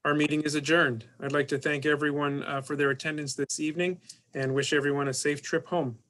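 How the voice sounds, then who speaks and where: A man's voice: on the high side, little pitch movement, a little fast, a bit bright. A man speaking as board president, running a meeting with formal procedural phrasing.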